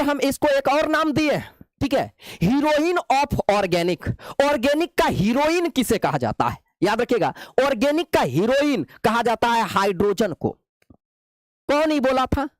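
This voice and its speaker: A man's voice: very high voice, dry recording. A male chemistry teacher, lecturing playfully and coaxing his students with repeated questions. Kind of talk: classroom lecture.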